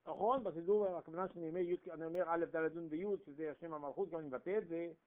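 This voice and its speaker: A man preaching a sermon, emphatic and repetitive, swinging between loud stresses and hushed asides. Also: a little high, steady tone. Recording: tinny phone-like recording.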